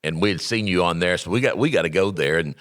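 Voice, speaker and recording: A man's voice: low voice, quick pace, a bit bright. A man who supplies food to restaurants, telling a long story in a rambling, folksy way on a podcast.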